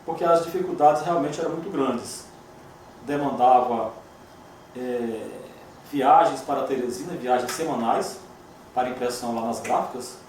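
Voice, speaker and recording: A man's voice: mid-range voice, a little mellow, slight background noise. Man speaking from far off in an echoey room. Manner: measured, reflective recollection. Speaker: journalist and lawyer. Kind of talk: documentary interview testimony. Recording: very echoey room, distant mic.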